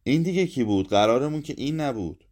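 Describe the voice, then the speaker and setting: A man's voice: mid-range voice, lively intonation, a little mellow, voice pushed up, natural voice. A man reading aloud, voicing a blunt, teasing male friend at a drinking party. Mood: defensive.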